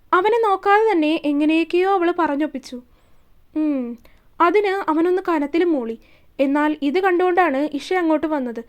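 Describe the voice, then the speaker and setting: A woman storyteller reads a romance serial aloud with steady expression. Her voice is high and light. The telling is even and unhurried.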